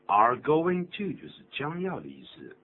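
A man's voice: fairly high pitch, wildly swooping pitch, unhurried, breathy edge. A man hosting a radio English lesson, explaining patiently and joking as he exaggerates pronunciation. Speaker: English teacher and program host. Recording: tinny phone-like radio recording with faint hum.

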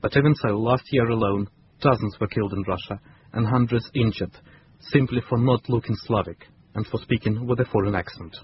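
A man delivering a scripted news report as a foreign correspondent, measured and serious. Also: lowish voice, lo-fi sound, slight background noise.

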